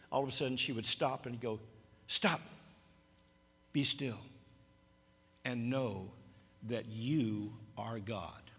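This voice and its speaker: A man's voice: on the high side, fairly bright tone, big-room sound. A man teaching a church Bible class, emphatic, pushing his voice up and down to stress his points.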